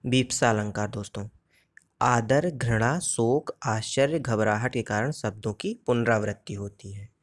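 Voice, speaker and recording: Speaking in a mid-range voice, the man teaches grammar for an exam, explaining each step in turn. He raises his own questions before answering them, and verse examples come out slowly.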